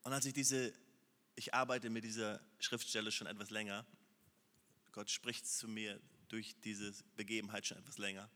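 A man preaching a sermon, moving between loud, urgent appeals and soft, hushed prayer. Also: on the low side, little pitch movement, moderate pace. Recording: long hall reverb.

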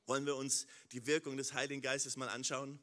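A man preaching a sermon, addressing the congregation with questions and swinging between quiet prayer-like passages and loud exclamations. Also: medium pitch, level tone, a little fast.

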